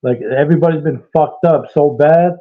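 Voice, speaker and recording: A man's voice: a little high, normal speed. A man from Iraq calling in to a livestream debate, talking hesitantly with restarts. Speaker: caller. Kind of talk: casual call-in debate. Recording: tinny phone-like call line.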